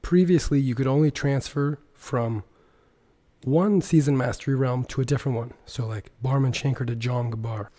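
The host of this gaming news video chats casually despite being sick, his throat so sore that his strained, hoarse voice keeps breaking into a whisper. Pitch is mid-range, speed normal, and the tone dark.

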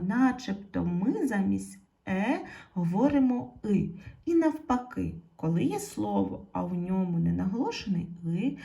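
A woman's voice: medium pitch, vocal fry, dark tone. A woman teaching a video lesson to young pupils in a patient, encouraging way, speaking. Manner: slow, patient, addressing pupils directly. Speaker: primary school teacher.

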